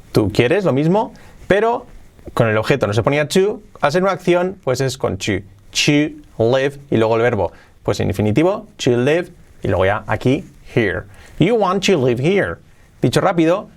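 A man gives an English lesson. His pitch rises and falls a lot as he walks through each example. He repeats each English phrase slowly, again and again. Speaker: English teacher. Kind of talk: video lesson for Spanish speakers.

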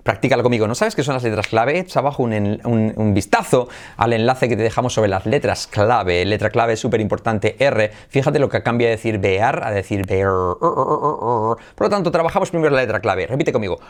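A man from Spain with a Spanish accent, teaching English pronunciation in an upbeat lesson, mixing Spanish and English and drilling words slowly. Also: mid-range voice, expressive.

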